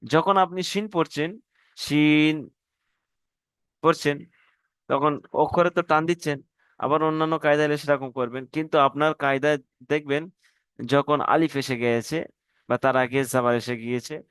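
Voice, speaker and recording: Male teacher, smooth clear voice, dry close sound, drills letter-by-letter spelling. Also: fairly high pitch, steady tone, fairly bright tone, no room sound. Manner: spells out letters slowly, syllable by syllable; addresses students politely as brothers. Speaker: Quran reading teacher. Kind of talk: online class instruction.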